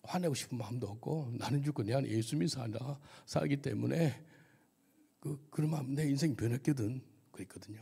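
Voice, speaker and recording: Gravelly, husky man preaching a testimony. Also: mid-range voice, a little fast, warm tone. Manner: vivid storytelling, asks the audience questions. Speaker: missionary pastor. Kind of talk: testimony sermon. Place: church worship service.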